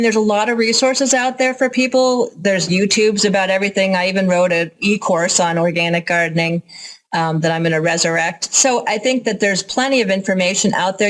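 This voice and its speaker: A woman with an American accent speaking as an interview guest, informal and candid as she explains things. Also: lowish voice. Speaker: interview guest, organic farmer and educator. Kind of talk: conversational interview answers.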